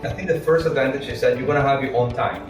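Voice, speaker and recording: A man's voice: mid-range voice, fairly even intonation. Echoey man, English speaker. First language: not English. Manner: halting, repeats words, explains with rhetorical questions. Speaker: entrepreneur being interviewed. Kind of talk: interview answers. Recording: echoey room, distant mic, music.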